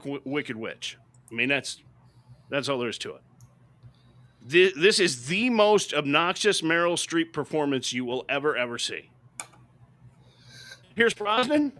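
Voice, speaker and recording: With a slightly high, animated voice that's pushed and bright, he speaks at a measured pace with long pauses. He's a middle-aged podcast co-host ranting emphatically about movies and repeatedly asking "right?".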